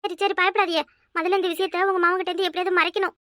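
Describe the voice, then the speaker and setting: Cartoon: a woman playing a soothing daughter-in-law with a Kanyakumari Tamil accent, high voice, brisk delivery. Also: level tone, pushed and bright, dry recording, studio quality. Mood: reassuring. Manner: soothing, teasing. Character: elder daughter-in-law, calm and reassuring. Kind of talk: cartoon voice acting.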